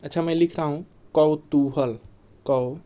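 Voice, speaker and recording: A male teacher gives an exam-prep grammar lesson in a slightly high but mellow, warm voice. He drills his points by asking a question and answering it himself, over and over. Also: fairly even intonation, normal speed. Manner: repeats each point as a quiz question, then answers it. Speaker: Hindi teacher.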